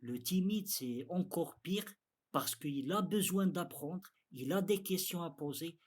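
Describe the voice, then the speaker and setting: Slow, husky man with Arabic accent. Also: a little high, lively intonation. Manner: halting, non-fluent French with repeated phrases. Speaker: interpreter for an Islamic teacher. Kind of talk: religious lesson for beginners.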